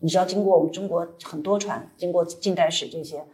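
A woman's voice: on the low side, steady tone, fast talker, darkish tone. A woman psychologist and counselor giving a chatty, colloquial live book-club talk full of examples. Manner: chatty, colloquial, acts out clients' voices. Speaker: psychologist and counselor, guest speaker.

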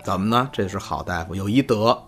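A man hosting a storytelling podcast, narrating in a lively, chatty way with asides to his co-host. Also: sits low, a little fast, breathy edge, soft background music.

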